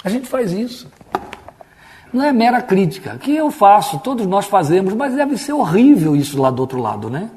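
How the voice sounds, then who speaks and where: A Brazilian pastor with a somewhat high voice teaching a Bible study. He talks to the congregation in an easy, conversational way. He slips into mock-solemn prayer voices to poke fun at them. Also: big pitch swings, normal speed, warm tone. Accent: Brazilian Portuguese. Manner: conversational, mimics stiff pompous prayer voices.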